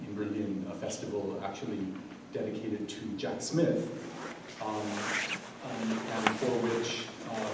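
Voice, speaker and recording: An American scholar and curator with a lowish voice gives an unscripted speech as a guest speaker at an event in a large room. He halts often, with many ums and restarts, and the recording is echoey and noisy, with the mic far away.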